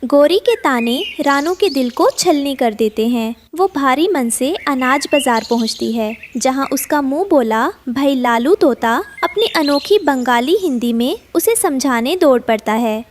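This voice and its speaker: A woman's voice: sits high, expressive, unhurried, few pauses, slight background noise. A woman giving scripted, dramatic narration of a children's cartoon story.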